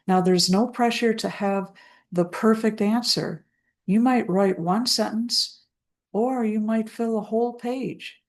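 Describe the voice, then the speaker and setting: A woman with a slightly high voice speaks as a trauma recovery coach, leading listeners through a self-help practice. Her guided talk is slow, gentle and soothing, with deliberate pauses.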